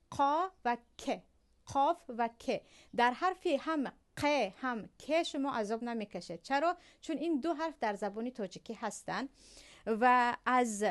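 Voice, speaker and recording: A woman with a Tajik accent teaching a Quran recitation lesson, explaining patiently and slowly drawing out sounds as she demonstrates them. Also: on the high side. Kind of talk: religious lesson.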